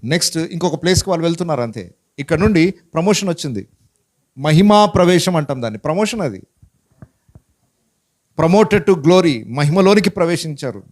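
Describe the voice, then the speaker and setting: A pastor preaching a Bible-teaching sermon in a conversational way, asking many rhetorical questions and mixing in English words. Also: male voice, a little high, expressive, moderate pace, long pauses, a little mellow. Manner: mixes English words into his speech.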